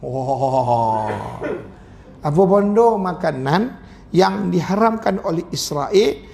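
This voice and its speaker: Animated gravelly Malaysian preacher. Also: male voice, on the high side, normal speed, slight background noise. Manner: animated, jokey, acts out voices. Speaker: religious teacher. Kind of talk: mosque lecture.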